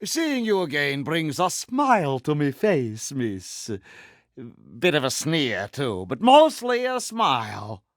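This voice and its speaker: Vain, theatrical pirate captain, Captain Hook. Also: male voice, a little high, wildly swooping pitch, takes it slowly, no echo, clean studio sound, exaggerated voice. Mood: smug, courtly. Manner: pompous, theatrical, mock-genteel with pirate slang. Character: vain, pompous, villainous male pirate captain. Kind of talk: theatrical video game character lines.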